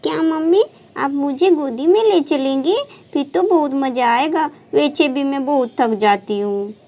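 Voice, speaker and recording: A woman's voice: high voice, a little slow, a little mellow, a little hiss or hum. A woman playing an eager, stubborn little girl. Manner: eager, pleading and whiny.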